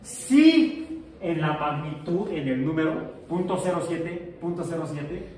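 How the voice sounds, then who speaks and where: Joking physics teacher in an echoey classroom. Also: male voice, on the high side, animated, a little slow, a little mellow, a little hiss or hum. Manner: jokey, asks the class questions. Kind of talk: classroom lecture. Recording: echoey room, far from mic.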